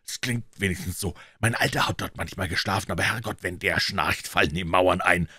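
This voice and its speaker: A man voicing a scared, superstitious ragged boy in an audiobook, speaking in a higher, frightened, often whispered voice. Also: fairly quick, bright, forceful tone, husky, dry recording, clean studio sound, exaggerated voice. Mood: hushed. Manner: whispered, frightened, raised pitch.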